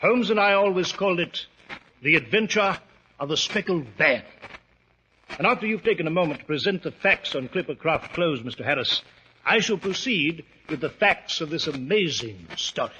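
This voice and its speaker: High-voiced, genteel Doctor Watson, old radio. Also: male voice, animated, pushed and bright, a little hiss or hum. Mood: genial, storytelling. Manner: courteous, formal, measured storyteller. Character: genteel English doctor reminiscing over old detective adventures. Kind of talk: 1940s radio acting, storytelling. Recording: muffled 1940s radio recording.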